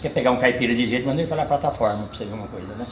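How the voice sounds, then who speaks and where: An older man with a caipira accent from the São Paulo countryside, a cordel poet chatting casually with a tour group in a folksy, animated way, drawing words out for emphasis. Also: mid-range voice, very fast, roomy sound, dull audio, slight background noise. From Brazil.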